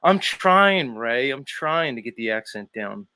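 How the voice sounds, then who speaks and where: A man's voice: mid-range voice, animated, unhurried, bright, forceful tone, clear, resonant tone. A man hosting a casual livestream, talking crudely and mockingly and laughing often. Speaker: streamer host.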